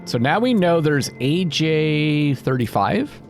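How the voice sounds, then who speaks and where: This gaming video host has a slightly high voice, very animated, yet he takes it slowly. Game music plays behind him as he offers casual let's-play commentary, muttering, thinking out loud, and reading bits aloud.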